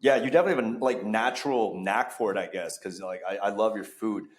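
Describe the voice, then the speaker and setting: This podcast host is a man with a fairly low voice who talks quickly. His casual chat rambles with lots of fillers and restarts, recorded in the echoey space of a bar under construction.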